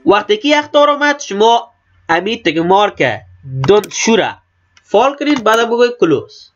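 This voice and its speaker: A man's voice: sits high, big pitch swings. A man with an Afghan Dari accent giving a step-by-step computer tutorial, explaining each click plainly and repeating steps. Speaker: computer instructor. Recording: slightly dull lo-fi recording.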